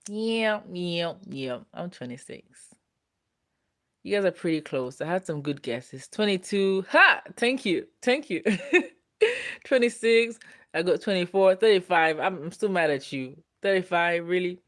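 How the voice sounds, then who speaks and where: With a lowish voice that's animated yet slow-paced, a Ghanaian woman in her twenties hosts a casual livestream. She reads viewer comments aloud, teasing playfully and laughing a lot.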